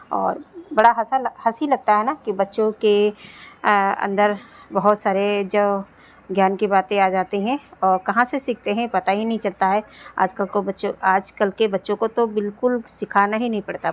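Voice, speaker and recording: A woman in her thirties talks through her morning chores at home, in a middle-pitched voice. She rambles, loops back and restarts her sentences, the way a homemaker vlogger chats to her viewers. The delivery is relaxed and conversational. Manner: chatty, rambling, with frequent restarts. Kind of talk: casual vlog narration of daily chores. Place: at home, indoors and on a rooftop.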